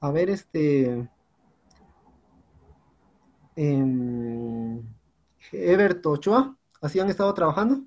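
A man's voice: a little high, lively intonation, drawn-out words, pauses often, a little mellow, highs cut off. A male teacher, patiently walking his students through an online class platform and often checking in with them. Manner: patient, repeats "compañeros" and "¿sí?" often.

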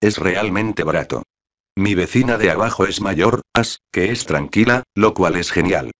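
This is an impulsive, chatty young woman, read by a man in his own low voice. The lines come out flat and even, like a screenplay read aloud. The sound is dull and lo-fi. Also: unhurried.

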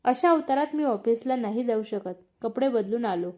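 A woman reading a young man's lines in a spoken romance story, voicing a caring uncle in a calm, softly teasing way. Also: on the high side, moderate pace, close to an everyday voice. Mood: gentle.

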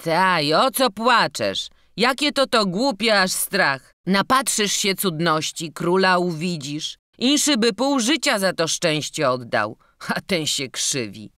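A woman's voice: on the low side, very animated, slow, dry recording, studio quality, pitched above the performer's own voice, exaggerated voice. A woman doing a blunt, mocking young servant. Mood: scoffing. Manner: scolding, teasing, loud.

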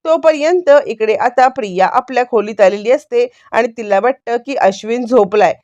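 A woman narrates the events of a TV serial in a chatty, repetitive storytelling manner and jumps into the characters' lines. Her voice is fairly high and the recording is dry. The sound is also a little dull. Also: moderate pace, no room sound. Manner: chatty, repetitive, animated retelling. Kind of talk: casual story retelling.

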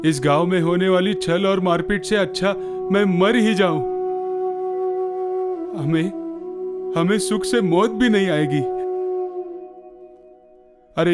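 An actor playing a suffering male village outcast who cries out and laments. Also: high voice. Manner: crying out, lamenting and pleading. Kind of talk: devotional film acting.

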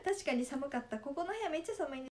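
A woman's voice: high voice, expressive, fast talker, darkish tone. A young woman from Nagasaki speaking in Nagasaki dialect, chatting playfully with viewers on a casual livestream and laughing often. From Japan, Nagasaki. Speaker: idol livestreamer.

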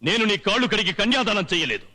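Outraged sarcastic father, high lively voice, bright tone, film comedy. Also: quick pace, faint music behind, heavily acted. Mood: indignant. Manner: sarcastic, theatrical scolding. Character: outraged, sarcastic man shaming his eloped daughter. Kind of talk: movie comedy scene.

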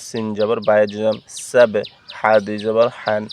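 A man gives a patient, step-by-step recitation lesson, naming each letter and vowel mark before he chants the syllable. His voice sits low and stays level, with little rise or fall. Faint background noise and birdsong run under the recording. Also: completely flat delivery, measured pace, a little mellow. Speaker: Quran reading teacher.

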